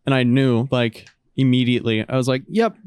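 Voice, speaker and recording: Smooth-voiced laid-back young man. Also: mid-range voice, flat delivery, a little fast, a little mellow, no room sound, clean studio sound. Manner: laid-back, rambling with lots of likes and ums. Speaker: podcast co-host. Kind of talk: casual chat.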